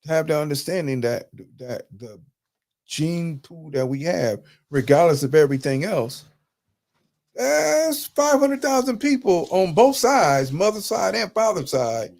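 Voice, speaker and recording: A man's voice: fairly high pitch, big pitch swings, unhurried, creaky, a little mellow. Man lecturing over slides, emphatic and loose. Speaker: host. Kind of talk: live talk presenting slides.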